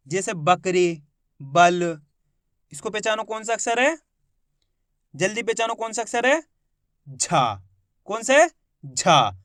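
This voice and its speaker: Brief: male alphabet teacher, higher-pitched, dry close sound, drills each letter and asks if it is clear. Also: a bit bright, no echo. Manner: slow, drawn-out sounding of each letter, prompting viewers to repeat; asks "clear?" and "which letter is it?" to quiz viewers. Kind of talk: Hindi alphabet lesson.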